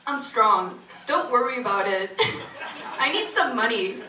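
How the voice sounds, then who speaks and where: A woman's voice: a little high, expressive, measured pace, distant mic, background noise. Woman reading giggly flirty Lisa. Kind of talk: live amateur script reading. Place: cinema stage before a live audience. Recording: echoey hall, picked up from afar.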